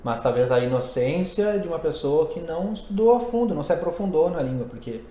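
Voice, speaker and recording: A man's voice: on the high side, animated, fast talker, dark tone. A man who teaches English and Portuguese, hosting a casual podcast and explaining ideas conversationally while thinking aloud. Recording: roomy echo.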